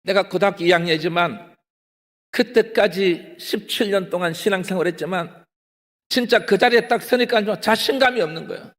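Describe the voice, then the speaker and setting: A man's voice: sits high, moderate pace. A male pastor with a Gyeongsang accent, preaching a testimony sermon and calling out to the congregation. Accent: Gyeongsang Korean. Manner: animated, often addresses the congregation, acts out his own excited pleading. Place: prayer retreat hall. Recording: long hall reverb.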